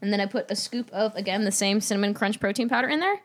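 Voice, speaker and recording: A woman's voice: mid-range voice, fast. A woman co-hosting a podcast in casual chat, bubbly and emphatic. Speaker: podcast co-host.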